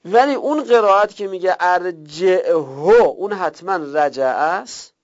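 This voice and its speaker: A man teaching a class step by step, drawing out key terms slowly and checking his students' notes, heard on a dull lo-fi recording. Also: high-pitched, expressive. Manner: slow drawn-out repetition of terms. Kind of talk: classroom lesson on Arabic word roots.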